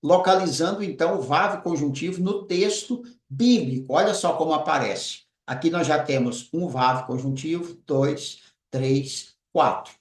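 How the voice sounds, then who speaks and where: A man teaching a recorded lesson, patiently repeating words slowly as he writes. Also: on the high side, echoey room. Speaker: Biblical Hebrew teacher.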